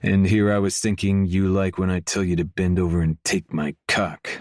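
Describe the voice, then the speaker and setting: A man narrating a romance audiobook in first person, his voice very low and his delivery intimate and measured. He is recorded close to the mic in a dry, dead studio sound. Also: level tone, a little mellow, no room sound.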